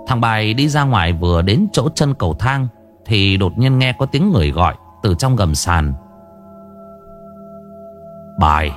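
A man narrating a first-person ghost story in an expressive storytelling manner. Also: on the low side, normal speed, faint music behind.

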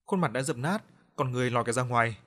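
A man reads a first-person ghost story aloud in an audiobook, his delivery casual and colloquial with plain everyday phrasing. His pitch sits in a middle range for a man. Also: fast talker, fairly bright tone. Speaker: audiobook narrator.

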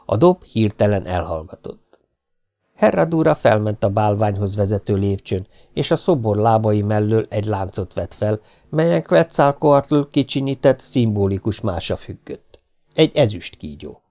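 Gravelly male audiobook narrator. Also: lowish voice, lively intonation, warm tone. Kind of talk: scripted narration.

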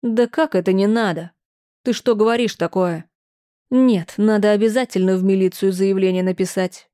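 A distraught mother in an audiobook, wailing reproaches and then snapping out short, hard commands, as a female reader puts her on. The tone stays mellow, not bright, even at its sharpest. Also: mid-range voice, moderate pace, natural voice. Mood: stern. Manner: lamenting, reproachful, clipped orders. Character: older mother, shrill, wailing, then stern.

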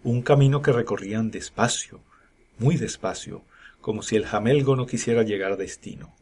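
Male podcast narrator, steady audiobook-style reading, slightly husky. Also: lowish voice, normal speed. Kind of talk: scripted narration.

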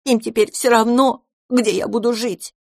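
A woman's voice: a little high, fairly even intonation, normal speed, darkish tone, no echo, voice pushed up. A woman voicing a gloomy, stubborn little male house sprite who has run away from home and keeps close to tears. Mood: sulky. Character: sulky little male mouse-foe house sprite, runaway boy.

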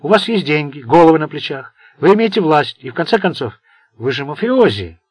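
A man's voice: on the high side, very animated, fairly quick, slightly rough, dry recording, voice pushed up. A man voicing an old, contemptuous, domineering mafia boss in an audiobook. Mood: commanding. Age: older. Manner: contemptuous, commanding.

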